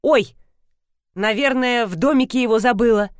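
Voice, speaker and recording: A woman voicing a bustling, cheerful older mother-in-law in an audiobook, her voice jumping high when excited. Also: normal speed, clear, resonant tone, no room sound, clean studio sound, lightly acted.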